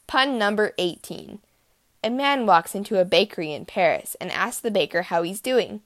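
A woman's voice: mid-range voice, expressive, normal speed. Playful woman reading puns. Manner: playful, punchy delivery of jokes. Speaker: podcast host.

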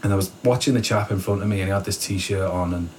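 A man with a fairly low voice tells a story in relaxed conversation. He is animated, laughs often and raises his voice when acting out what people said. Faint background noise sits under the recording. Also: fast talker. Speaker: guest. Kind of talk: casual storytelling.

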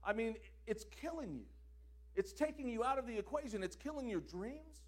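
A man preaches a sermon in a very high, bright voice, speaking at normal speed in an animated way. His pitch swings widely, climbing for loud declarations and falling for quiet asides.

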